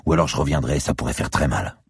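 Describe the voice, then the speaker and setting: A man reading a first-person thriller audiobook in a grim, measured way. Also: a bass voice, animated, gravelly, husky, dry recording, clean studio sound. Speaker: audiobook narrator. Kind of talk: scripted thriller narration.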